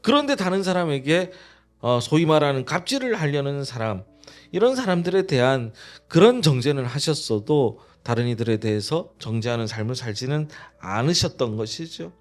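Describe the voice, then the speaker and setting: A man's voice: mid-range voice, normal speed, faint music behind. A male pastor preaching a sermon, leading the congregation in reading and asking them questions. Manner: lively sermon with call-and-response reading.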